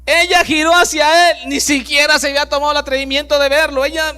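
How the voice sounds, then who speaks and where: A man preaching a sermon, reading scripture aloud and breaking in with rhetorical questions, swinging from loud bursts down to very soft lines. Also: very high voice, level tone, fast. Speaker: pastor.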